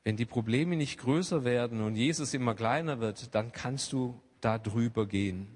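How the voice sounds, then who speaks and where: A man preaching a sermon in a church hall, swinging between hushed asides and loud, emphatic outbursts. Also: medium pitch, normal speed. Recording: long hall reverb.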